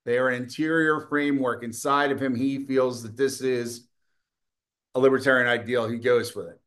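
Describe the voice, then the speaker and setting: A man's voice: medium pitch, steady tone, normal speed, fairly bright tone. A middle-aged man hosting a political commentary show, delivering a combative, scornful and profane opinion monologue, with occasional coughing.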